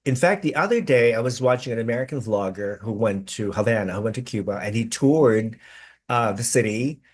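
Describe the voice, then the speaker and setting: A man's voice: mid-range voice, animated, fairly quick, slightly rough. A man hosting a casual video-call interview, chatty and effusive, with many restarts. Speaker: host.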